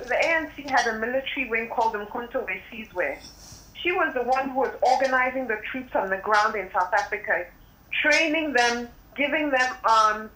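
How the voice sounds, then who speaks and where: Woman on a phone line, bright sharp voice, echoey tinny sound, talks with passion. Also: a little high. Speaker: phone-in guest commentator. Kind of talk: phone-in commentary. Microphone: telephone.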